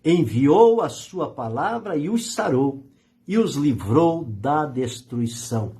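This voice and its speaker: A man, a pastor preaching a sermon in an earnest style, with swells of emphasis and slow, deliberate pauses. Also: a little high, animated, warm tone.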